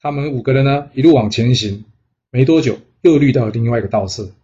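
A man's voice: medium pitch, fairly quick, warm tone, lo-fi sound. A man narrating a classic tale in a chatty way, asking rhetorical questions as he goes. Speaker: storyteller. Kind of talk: storytelling narration.

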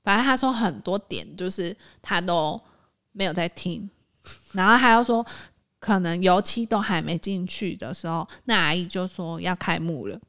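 A woman, co-hosting a casual chat podcast and telling stories from her design work with lively, acted-out quotes. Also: fairly low pitch, moderate pace. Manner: animated storyteller, acts out quoted people. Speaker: podcast co-host.

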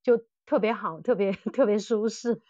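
A podcast co-host with a medium-pitched, dark-toned voice speaks at a moderate pace on a dry, dull-sounding recording. Discussing audio dramas casually, she loops back and repeats phrases while working out her point.

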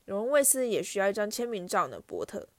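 A woman's voice: mid-range voice, sing-song, quick pace, no room sound, close to an everyday voice. Woman doing a sneering spiteful schoolboy. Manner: mocking, drawling, sneering.

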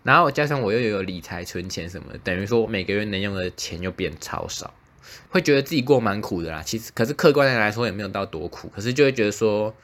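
A man's voice: lowish voice, expressive, fast talker, fairly bright tone. A young man with a Taiwanese Mandarin accent chatting casually on his own podcast, self-mocking and acting out the dialogue in his stories. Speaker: podcast host. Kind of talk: casual solo podcast chat.

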